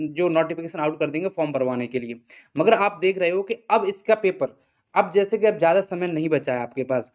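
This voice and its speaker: A high-voiced man, an exam coaching teacher who also hosts a channel, gives his students an informal update on their exams. He explains things casually, repeats his points and keeps tagging on little check-ins to make sure they're following. The audio is dull and lo-fi.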